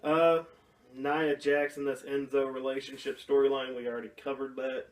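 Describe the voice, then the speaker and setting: A man co-hosting a casual wrestling chat, blunt and quick to swear. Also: medium pitch, level tone. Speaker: podcast co-host. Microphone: phone or tablet. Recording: distant phone recording.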